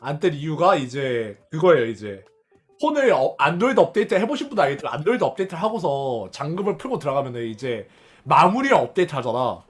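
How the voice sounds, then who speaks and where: A man's voice: on the high side, very animated, fast, slightly rough, faint music behind. A young man streamer casually telling a story to his viewers, laughing often, repeating himself and swearing along the way.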